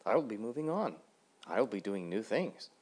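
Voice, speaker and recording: A man voicing a calm, curious grasshopper with a friendly, lifted tone. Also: fairly low pitch, normal speed, voice pushed up. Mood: cheerful. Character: calm curious male grasshopper, easygoing wanderer.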